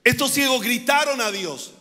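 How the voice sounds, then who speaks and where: A male pastor, preaching a fervent sermon that keeps repeating and building to shouts. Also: very high-pitched, expressive, normal speed, big-room sound. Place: church.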